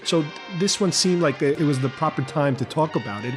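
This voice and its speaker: A man hosting a podcast, chatting casually and laughing along with quick asides. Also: on the high side, music in the background. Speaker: podcast host. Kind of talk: casual chat.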